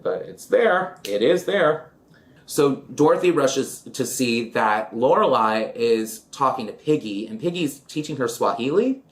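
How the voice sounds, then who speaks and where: A man chatting in a campy, dramatic way while recapping an old film and doing his makeup, with giggly asides. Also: on the low side. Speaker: vlogger.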